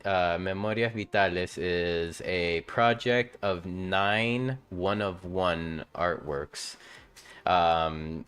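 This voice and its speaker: A man hosting a relaxed live-streamed talk show, born in Ecuador. He speaks slowly and easygoingly, with a lowish, smooth, clear voice. He hesitates with fillers and chuckles often. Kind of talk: casual live-stream interview.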